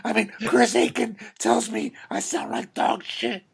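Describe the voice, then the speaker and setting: A man hosting a podcast with a hoarse voice, trading joking, profane banter in casual chat. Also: very high-pitched, level tone, a little slow, slight background noise. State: hoarse, losing his voice. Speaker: podcast host.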